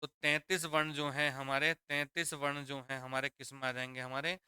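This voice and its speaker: A man's voice: medium pitch, level tone, normal speed, bright, forceful tone, clear, resonant tone, dry recording, clean studio sound. A man teaching a grammar lesson, repeating each point and quizzing his students with questions, calling them children. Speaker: Hindi teacher.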